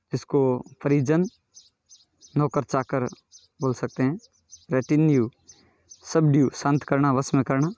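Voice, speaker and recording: Slow, patient man teaching pronunciation. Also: a little high, warm tone, dry recording. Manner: reads word lists slowly, repeating each word. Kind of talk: slow classroom explanation. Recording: dull, lo-fi and dry.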